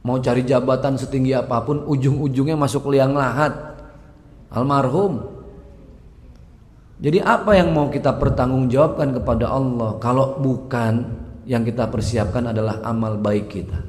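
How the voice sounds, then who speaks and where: A man preaching a lively sermon, joking and rhyming, and often addressing his listeners directly. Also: mid-range voice, normal speed. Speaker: Islamic preacher. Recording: echoey hall with long reverb.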